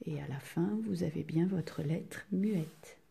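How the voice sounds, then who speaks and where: A woman teaching a spelling lesson to young children, patient and deliberate, sounding out each syllable. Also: deep voice, creaky, mellow. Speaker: primary school teacher.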